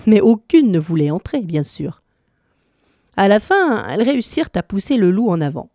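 A woman reading a children's story aloud, expressive and animated in her telling. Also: mid-range voice, moderate pace, no room sound, studio quality.

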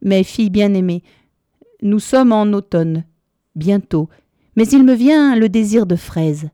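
A woman's voice: medium pitch, lively intonation, takes it slowly, mellow, no echo. Old storybook king, read by a woman, grave and sorrowful, dry close sound. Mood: solemn. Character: aged grieving king, solemn.

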